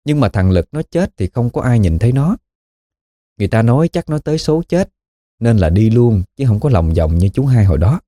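A man with a Southern Vietnamese accent telling a spooky story in a relaxed, folksy way. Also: medium pitch, brisk, no room sound, studio quality. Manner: relaxed folksy storytelling with lively rises and falls.

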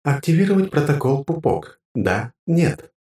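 A man's voice: a little high, very animated, a little slow, dark tone, echoey room, recorded from a distance, pitched above the performer's own voice. A man voicing the disembodied spirit of an emperor heard inside the hero's head, a grudging helper making dry, system-like announcements in an audiobook. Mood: advisory. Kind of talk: audiobook character voice.

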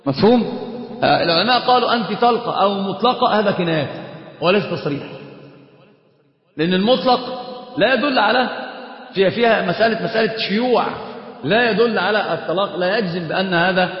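A man teaching a religious lesson on jurisprudence, lively, quizzing his students. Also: sits high. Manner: lively, quick, asks students questions; mixes Egyptian colloquial Arabic into classical. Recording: echoey hall, dull lo-fi sound.

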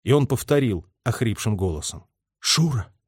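A man narrates a war novel in a lively, dramatic voice with wide swings of pitch. The recording is close and dry, with no room around it. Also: normal speed, no room sound. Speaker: audiobook narrator. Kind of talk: expressive literary narration.

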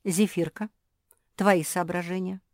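A woman's voice: lowish voice, steady tone, measured pace, no echo, clean studio sound. A woman voicing a clever male pug who speaks in a formal, pedantic, scolding way. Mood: demanding. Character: smartest male pug, stern and lecturing.

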